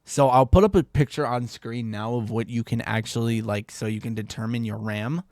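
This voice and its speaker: In clean studio audio with no echo, a young tech tutorial creator walks through a casual screen-recorded computer lesson, rambling and relaxed and laughing at his mistakes. His stuffy, congested voice sits at medium pitch, steady, a little mellow, at normal speed.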